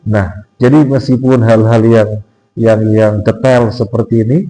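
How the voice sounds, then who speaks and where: A man preaching in a mosque, his voice mellow and mid-pitched. He talks in a chatty, teasing way, often quizzing his listeners. When he quotes others, his voice climbs into a strained, raised pitch. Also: fairly even intonation, a little slow, faint music behind, low-quality recording. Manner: chatty and teasing, questions the audience and laughs. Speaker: ustadz giving a pre-Ramadan study talk. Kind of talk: informal sermon.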